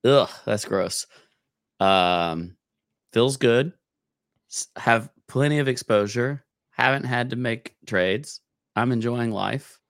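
A man with a rough smoker's rasp, co-hosting a casual, wry podcast chat about markets. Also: medium pitch, slow pace, no room sound, clean studio sound. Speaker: podcast co-host.

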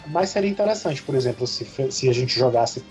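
A male podcast host with a Brazilian accent leads a casual discussion. His mid-pitched voice moves quickly and ramblingly, checking for agreement, with clear background music. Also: expressive, darkish tone. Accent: Brazilian Portuguese. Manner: rambling, often seeking agreement.

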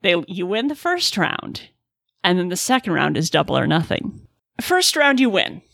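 Female game master, informal tabletop narration. Bright voice, close dry sound. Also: lowish voice, sing-song, moderate pace, vocal fry, no room sound.

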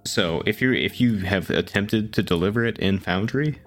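A man's voice: on the low side, moderate pace, soft background music. A man chatting casually and narrating during a tabletop role-playing game.

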